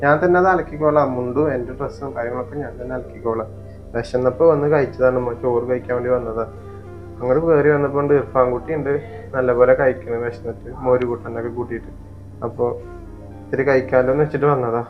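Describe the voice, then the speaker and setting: A man's voice: mid-range voice, highs cut off, soft background music, natural voice. A young man playing a hurt, patient stepson. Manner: hurt, pleading, quick and flat. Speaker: elder stepson in a family skit. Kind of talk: amateur family short film acting.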